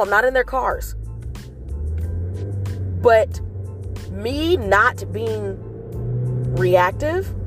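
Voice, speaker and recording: A woman giving an earnest, casual motivational talk to her viewers, telling a story with animated acted outbursts. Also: a little high. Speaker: motivational vlogger.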